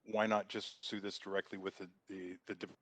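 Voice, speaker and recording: A man's voice: low-pitched, little pitch movement, a little fast, a bit bright. A man, a city councillor, asking a question over a remote video call while his connection cuts in and out. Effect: remote call audio cutting in and out.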